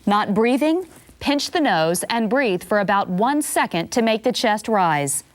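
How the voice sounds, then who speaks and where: A woman giving scripted CPR instruction, calm and clear, coaching step by step. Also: mid-range voice, unhurried.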